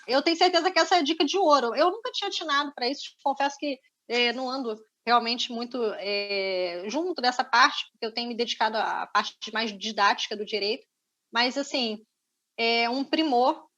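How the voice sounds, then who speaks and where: A woman's voice: a little high, moderate pace, bright, forceful tone. A woman hosting an online talk, effusive as she thanks her guest over a video call. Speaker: webinar host.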